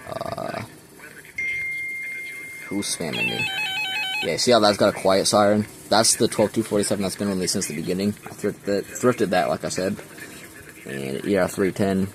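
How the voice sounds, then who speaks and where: The recording is noisy, and the speaker's voice is low. He's a young man holding a camera point-of-view style, casually showing his bedroom radio collection in a rambling way full of ums.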